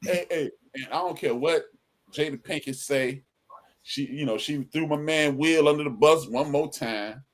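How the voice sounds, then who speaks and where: A man co-hosting a casual podcast, talking animatedly and acting out quoted lines in loud bursts. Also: fairly high pitch, normal speed. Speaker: podcast co-host.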